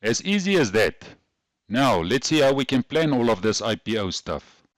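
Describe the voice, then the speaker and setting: Very animated yet methodical, a man with a broad Afrikaans South African accent narrates a scripted coding lesson, explaining each point carefully. His pitch is medium and his pace normal, with no room sound in the recording.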